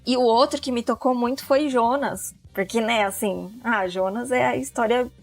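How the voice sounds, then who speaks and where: A woman in her thirties talks casually on a podcast, her voice sitting a little high. She laughs often and strings thoughts together with fillers. Soft music plays faintly behind her. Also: fairly even intonation, moderate pace. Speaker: podcast guest, book club member. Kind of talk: casual chat about a book.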